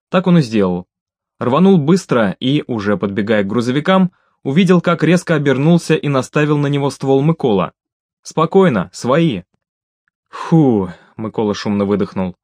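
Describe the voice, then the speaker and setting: A man reading a crime story aloud as an audiobook, lifting his voice for the shouted dialogue. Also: no echo. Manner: raises pitch and volume for shouted dialogue. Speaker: audiobook narrator.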